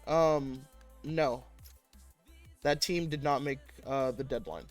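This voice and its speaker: A man hosting and casting an amateur online game tournament, laughing often and jumping up in pitch when excited. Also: slow pace, faint music behind. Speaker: tournament host and caster. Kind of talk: casual esports commentary.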